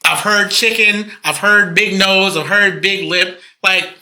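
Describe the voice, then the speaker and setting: A man's voice: sits high, steady tone, a little slow, sharp tone. A man co-hosting a casual comedy podcast, blunt and swearing freely, laughing a lot. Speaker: podcast co-host.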